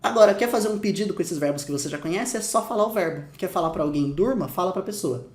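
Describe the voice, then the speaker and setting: Dogs can be heard barking outside the reverberant room where this high-voiced man, who has a Brazilian Portuguese accent, gives a relaxed English lesson. He's energetic and eases his pace to repeat the example phrases.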